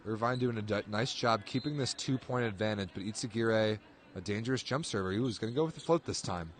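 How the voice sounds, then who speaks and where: A man's voice: lowish voice, a little fast, a little hiss or hum. A man calling a volleyball match live, play-by-play, his voice jumping up on big plays. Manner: excitable, voice jumps up on big plays. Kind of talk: live sports commentary.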